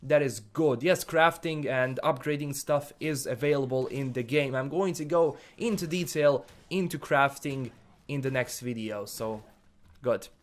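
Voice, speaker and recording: A man's voice: medium pitch, unhurried. A man from Bosnia, hesitantly reviewing a game and answering viewer comments, full of fillers and repeated words. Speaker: gaming YouTuber.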